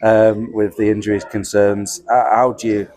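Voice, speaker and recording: A man interviewing a football manager for club radio, pausing often with fillers. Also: on the low side, level tone, darkish tone. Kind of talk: post-match interview.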